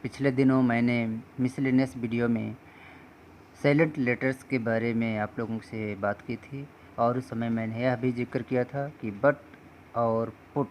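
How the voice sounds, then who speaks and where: A man teaching English pronunciation rules in a slow, patient way, often calling his viewers friends. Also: mid-range voice, steady tone, a little mellow, slight background noise.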